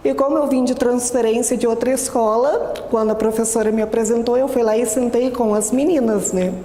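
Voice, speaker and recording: A woman in her twenties with a Brazilian accent, calmly telling her personal story. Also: a little high, brisk. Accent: Brazilian Portuguese. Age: 20s. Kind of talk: personal testimony. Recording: echoey room with long reverb.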